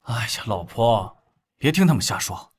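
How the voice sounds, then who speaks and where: An actor playing a calm, self-assured young heir who reassures his wife. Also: medium pitch, moderate pace, natural voice.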